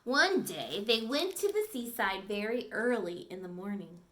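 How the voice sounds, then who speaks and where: With a medium pitch and a measured pace, a woman teacher reads a picture book to children. She brings the story to life expressively and chats warmly with her young audience along the way.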